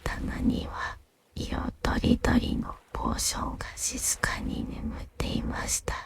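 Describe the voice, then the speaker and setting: Slow, breathy whispering woman storyteller. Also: extremely low pitch, wildly swooping pitch. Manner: soft, unhurried, soothing. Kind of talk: scripted narration of gentle fantasy stories.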